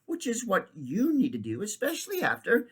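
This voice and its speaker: A prim, curious young girl in a storybook, eager and a little proud, as a man puts her on. The voice climbs high and swoops lively from word to word. There is a slightly husky edge under it. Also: normal speed, exaggerated voice.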